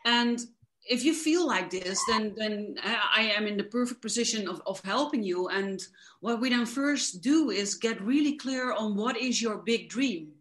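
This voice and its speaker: A woman's voice: a little high, lively intonation, normal speed. Woman coach explaining with enthusiasm. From the Netherlands. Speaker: guest, coach. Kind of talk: casual interview.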